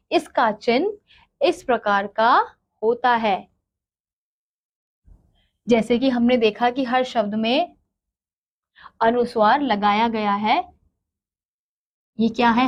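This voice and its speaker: Slow-spoken woman teaching a lesson. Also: on the high side, lo-fi sound. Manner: slow, asks and answers her own questions. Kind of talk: explaining a grammar lesson.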